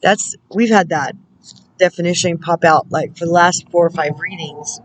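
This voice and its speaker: A woman working as a spiritual counselor, reading oracle card texts aloud in a measured way and breaking off now and then to muse and comment to herself. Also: lowish voice, fairly even intonation, slight background noise, poor audio. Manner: measured reading broken by musing, self-amused comments.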